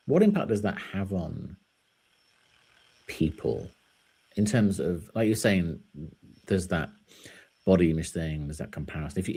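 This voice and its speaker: A man's voice: extremely low pitch, warm tone, slightly rough. A middle-aged man hosting a podcast, asking thoughtful, rambling questions in a casual interview. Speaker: podcast host.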